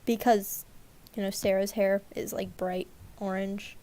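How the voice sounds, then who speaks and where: A woman's voice: mid-range voice, little pitch movement, unhurried, dark tone. A woman chatting on a livestream in a friendly, teasing way, laughing easily. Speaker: artist on a livestream. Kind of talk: casual chat.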